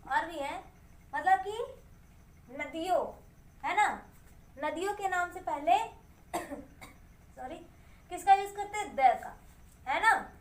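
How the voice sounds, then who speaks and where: A woman teaching English grammar to students. She asks questions and answers them herself, repeating the key words. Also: very high voice. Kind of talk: classroom grammar lesson. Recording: echoey room.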